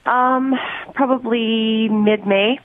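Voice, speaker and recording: A woman calling in to a radio show, heard through a Bluetooth headset mic on a phone line, speaking hesitantly with pauses. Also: a little high, steady tone, no echo. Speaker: radio call-in listener.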